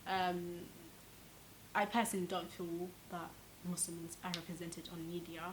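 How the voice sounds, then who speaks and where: Low-voiced woman from Somalia, interviewed. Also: little pitch movement, a little slow, low-quality recording. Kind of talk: documentary interview.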